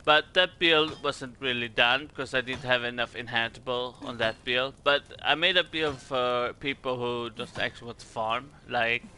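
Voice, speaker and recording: A man's voice: medium pitch, fairly even intonation, normal speed, few pauses, pushed and bright, a little hiss or hum. A man from Sweden with a Swedish accent gives casual game commentary in a hesitant, rambling way, repeating words as he goes. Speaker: gaming video creator.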